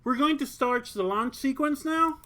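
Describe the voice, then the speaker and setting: A reader voicing a confident young woman lieutenant who speaks in a crisp, assured command tone, in an audiobook of a mecha story. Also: high voice, a little slow, pushed and bright, pitched above the performer's own voice. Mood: formal.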